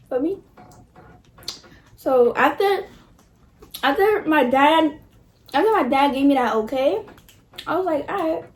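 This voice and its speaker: A young woman telling a casual storytime in an animated, emphatic, slangy way, swearing freely. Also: high-pitched. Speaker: vlogger. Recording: noticeable background noise.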